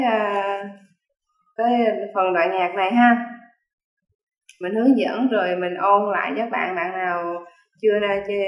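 A woman teaching a piano lesson in a casual, chatty way, counting beats aloud and explaining with everyday comparisons. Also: medium pitch. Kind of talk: casual spoken music lesson. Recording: muffled sound with a long hall reverb.

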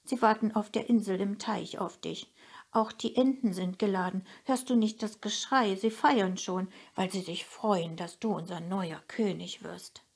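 A woman voicing a clever, flattering hen who sweet-talks her way out of danger, in a storybook reading. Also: mid-range voice, unhurried, creaky, breathy edge, pitched above the performer's own voice.

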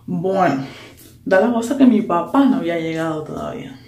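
A young woman vlogger tells a personal story in a casual vlog, her voice on the low side at a moderate pace. She retells it in an animated, lively way, sprinkling in slang and English asides. The room is echoey, with a faint hum.

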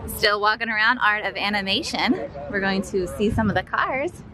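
With a crowd in the background, a woman in her thirties narrates a casual vlog, filming herself at arm's length as she shows off a resort's outdoor areas and an indoor arcade. Her mid-range voice moves at a moderate pace, chatty and upbeat like a tour guide.

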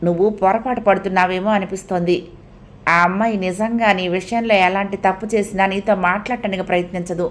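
A woman reading the lines of a frank young woman calmly reasoning with her friend. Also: mid-range voice, fairly quick, natural voice. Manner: calm, reasoning, blunt.

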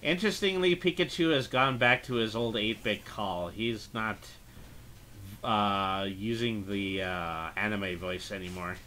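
A man giving casual, relaxed commentary while he plays a video game, thinking aloud as he goes. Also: fairly low pitch, measured pace, slight background noise. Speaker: streamer.

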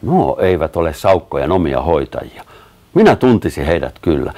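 A man's voice: a bass voice, big pitch swings, dark tone, heavily acted. A man voicing an adult male zoo worker who talks in short, firm commands while reading a children's story aloud. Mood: calm.

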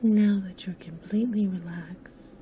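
A woman narrating a scripted sleep story in a hushed, soothing, soft-spoken manner, often close to a whisper. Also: mid-range voice, fairly even intonation, a little slow, lo-fi sound, a little hiss or hum. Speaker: host and narrator of sleep stories.

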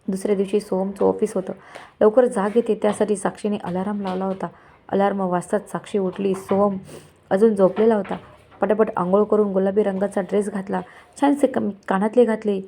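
Flat, mellow woman storyteller. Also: mid-range voice. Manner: even, steady storytelling. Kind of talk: scripted story narration.

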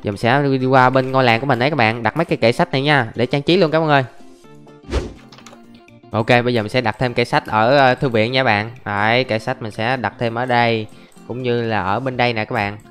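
The young man's mid-range voice is steady and fairly bright, and he speaks fairly quickly. As a gaming YouTuber doing casual Let's Play commentary, he narrates each step and calls out to viewers over faint background music.

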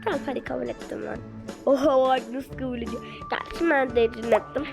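A woman hosting a gaming video, chatting excitedly and addressing her viewers as she plays. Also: sits high, brisk, creaky. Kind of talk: casual game commentary to viewers. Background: background music.

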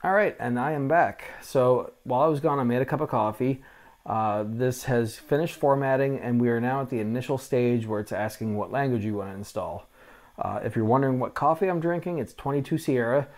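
Fairly quick and mid-range in voice, the host of a vintage tech channel chats his way through a hands-on restore. He's a man in his forties at a desk in a small room with a lapel mic, laid-back and peppering his talk with "uh."

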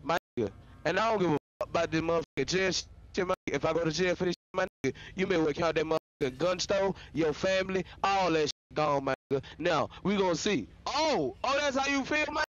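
A man's voice: on the high side, fast talker, muffled recording. A man roleplaying a street hustler over voice chat, brash and profane. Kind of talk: in-character roleplay.

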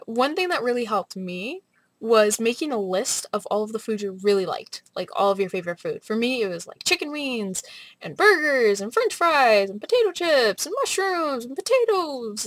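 Young female vlogger, slightly high voice, animated rambling casual delivery, little room sound. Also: no echo. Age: young adult. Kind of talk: casual rambling vlog chat. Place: small bright room at home, indoors.

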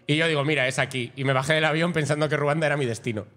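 Rapid-fire guy, a little high voice, swears, hyped banter on stage. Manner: rapid, excitable, profane banter. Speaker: co-host. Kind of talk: live comedy banter.

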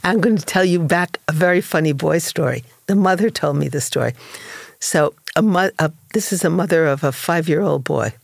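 Thoughtful older woman, low dry voice. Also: normal speed, creaky, no room sound. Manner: thoughtful, explains with stories and quoted voices. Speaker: psychologist and author, guest. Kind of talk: conversational interview.

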